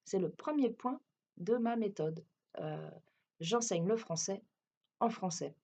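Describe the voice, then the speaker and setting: A woman's voice: medium pitch, animated, slow, warm tone, dull audio. A French woman who teaches French gives a hesitant, explanatory self-introduction with a French accent, often restarting her sentences. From France.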